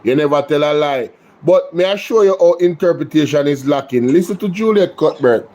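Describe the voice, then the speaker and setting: A man's voice: a little high, a little fast, dark tone, muffled recording. A Jamaican man hosting a live political reaction stream, emphatic and indignant as he responds to clips. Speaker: political commentary host.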